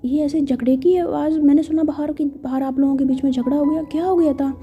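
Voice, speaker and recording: A woman's voice: high voice, steady tone, fairly quick, muffled recording, close to an everyday voice. Woman doing a fussing mom. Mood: concerned. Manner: fussing, motherly. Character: caring mother, Ruhi's mom.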